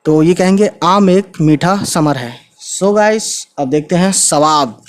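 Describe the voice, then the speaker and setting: A man teaching an online Urdu writing lesson, spelling words slowly letter by letter and checking in with the viewers often. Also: a little high. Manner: spells out letters slowly, tags lines with "ठीक है" and "guys". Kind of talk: casual spoken lesson.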